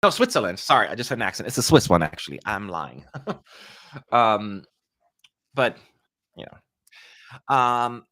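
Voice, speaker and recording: A young livestream host gives casual live commentary in a loose, joking style, firing off quick asides to his viewers. He's chatty and animated, with a bright voice whose pitch swings widely.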